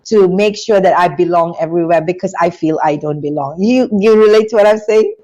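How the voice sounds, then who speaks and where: A woman from Singapore, a guest in an interview, telling her story in an animated, chatty way with frequent restarts. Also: on the low side, brisk, muffled recording. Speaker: interview guest, business school founder.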